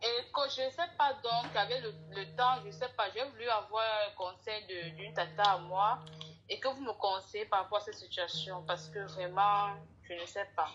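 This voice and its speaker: A woman's voice: medium pitch, moderate pace, a bit bright, muffled recording, a little hiss or hum. A woman calling in to ask for advice, hesitant and restarting often. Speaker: caller. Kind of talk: asking advice on a call-in show.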